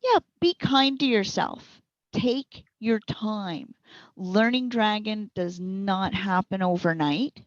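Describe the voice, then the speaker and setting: Taking it slowly in a mid-range voice, a woman who consults and trains on speech recognition lays out practical steps and examples in an interview. The sound is lo-fi, with no echo.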